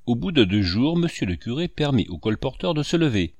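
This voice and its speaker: A man's voice: medium pitch, sing-song, brisk, dry recording. Man reading a storybook aloud. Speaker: audiobook narrator. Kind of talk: scripted storybook narration.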